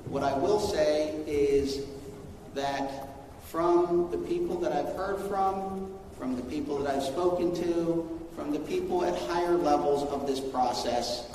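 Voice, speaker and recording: A man's voice: on the high side, unhurried, mellow, slight background noise. A man, a city councilman, opening a public hearing with a string of rhetorical questions, recorded in a council chamber. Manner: rhetorical, posing many questions. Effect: council hearing-room recording. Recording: echoey hall from far off.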